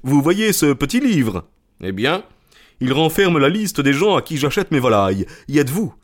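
A man reading an audiobook, voicing an irritable middle-aged goose seller who talks gruffly and boastfully. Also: on the high side, very animated, normal speed, voice pushed up. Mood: mocking.

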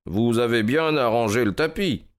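A man's voice: medium pitch, takes it slowly, smooth, pitched above the performer's own voice, close to an everyday voice. A man doing a cool, clipped detective. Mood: composed. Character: sharp, composed male detective.

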